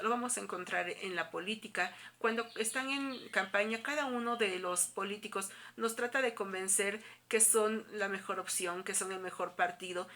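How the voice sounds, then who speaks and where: A woman's voice: medium pitch, pushed and bright. A woman teacher with a Mexican accent, explaining a lesson to students in a recorded video, patient and full of examples. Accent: Mexican Spanish.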